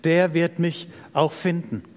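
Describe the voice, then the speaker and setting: Animated preacher in an echoing hall. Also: male voice, fairly high pitch. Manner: animated, slows down for emphasis and drops to a soft voice. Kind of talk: sermon with Bible storytelling. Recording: long reverb of a large hall.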